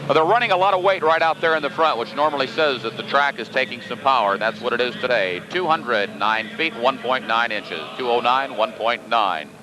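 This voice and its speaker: An American man calling a tractor pull as announcer, with an excitable, folksy commentary manner. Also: medium pitch, brisk, hardly any pauses, crowd noise. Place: indoor dirt arena event. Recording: noisy old TV broadcast, engine and arena noise. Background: tractor engines and arena noise.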